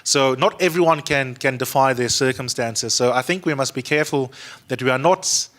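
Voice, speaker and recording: His voice medium in pitch and fairly bright, a South African man in his thirties whose native tongue is Afrikaans speaks at a moderate pace to a youth audience. He sits on a panel in a museum auditorium, handheld mic in hand, earnestly repeating words for emphasis before the seated crowd.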